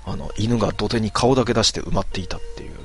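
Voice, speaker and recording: A man's voice: on the low side, fast talker. A man in his twenties hosting a late-night stream, reading viewer comments aloud and muttering casual, offhand reactions. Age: 20s.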